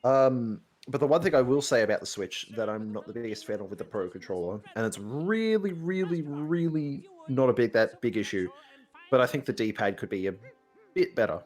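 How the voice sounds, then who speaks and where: A man casually chatting with a co-host while playing a video game, swearing freely and giving animated opinions on game tech. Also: mid-range voice, moderate pace. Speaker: co-host of a gaming playthrough.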